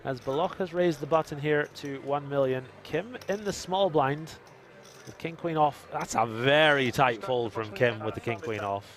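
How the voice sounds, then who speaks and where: A man's voice: medium pitch, moderate pace. A man commentating a live poker stream, joking and reading viewer chat aloud.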